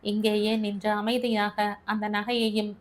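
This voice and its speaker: A woman narrating a first-person short story in a measured, steady reading. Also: mid-range voice.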